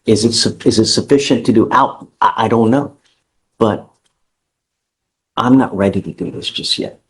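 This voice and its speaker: A man's voice: fairly low pitch, moderate pace, rough recording. A man presiding as judge in a courtroom, lecturing a defendant in a stern, exasperated way. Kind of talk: courtroom ruling.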